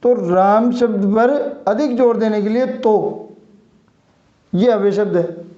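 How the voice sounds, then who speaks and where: A man teaching a grammar lesson, slowly listing example words one by one. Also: high-pitched, dark tone. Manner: slow, deliberate listing of examples. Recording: roomy, dull lo-fi sound.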